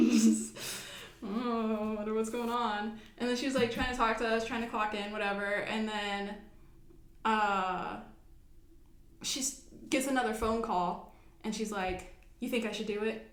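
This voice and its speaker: A young woman co-hosting a podcast, telling a workplace story in a lively, animated way with frequent laughs. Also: on the high side, unhurried, long pauses. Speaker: podcast co-host. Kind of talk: casual chat. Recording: echoey room.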